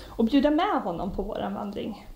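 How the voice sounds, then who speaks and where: A woman preaching a sermon in a conversational storytelling way, often pausing with hesitations. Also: a little high, lively intonation, gravelly, darkish tone, highs cut off. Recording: echoey room.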